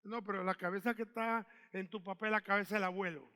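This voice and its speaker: A male pastor preaches with fire, swinging between shouted calls and quieter asides that draw the congregation into call-and-response. His voice sits very high for a man and sounds extremely bright and piercing. The long reverb of a church hall trails behind every phrase. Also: steady tone, fast talker. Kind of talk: sermon.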